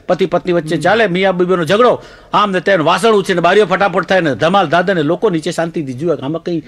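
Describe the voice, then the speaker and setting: A man telling stand-up jokes in an animated way, laughing through his punchlines and dropping in English phrases. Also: high voice. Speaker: comedian.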